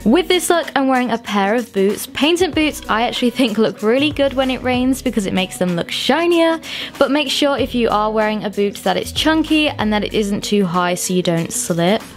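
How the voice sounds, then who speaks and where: A woman's voice: a little high, lively intonation, moderate pace. A woman in her twenties, a fashion vlogger giving friendly, upbeat voice-over tips on outfits. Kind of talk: scripted lookbook voice-over. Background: faint music.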